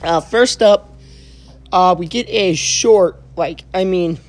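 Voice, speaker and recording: A young man giving a casual spoken review, halting and full of filler sounds and restarts. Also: high voice. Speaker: wrestling show reviewer.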